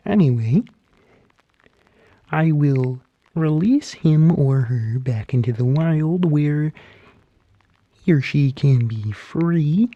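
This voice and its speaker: A performer voicing an excitable, gentle male puppet frog as a hairdresser in a soft, soothing, halting ASMR roleplay. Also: mid-range voice, no room sound, highs cut off. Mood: proud, earnest. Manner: soothing, fussy, halting murmur with oohs and hmms.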